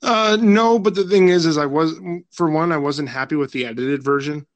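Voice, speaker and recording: A relaxed man with a somewhat high-pitched voice talks loosely on a podcast, trailing off and restarting as he tells a story. He laughs easily and swears casually. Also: normal speed. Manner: laid-back, rambling, laughs often, swears. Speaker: podcast guest, film director.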